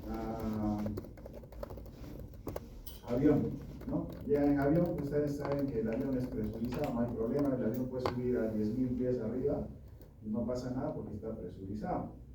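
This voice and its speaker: Speaking at a moderate pace in a mid-range voice with fairly even intonation, a man delivers a casual medical lecture. He talks to his audience conversationally, repeatedly tossing in "¿no?" and "¿ya?" to check they're following. The recording is noisy, made from a distance in a room with echo.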